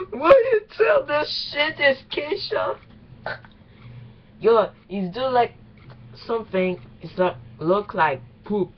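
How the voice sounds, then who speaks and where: A young adult woman films a casual reaction vlog in a small bedroom, speaking halting, exclamatory, informal English in a mid-range voice. A webcam at arm's length gives a dull, lo-fi sound with faint noise.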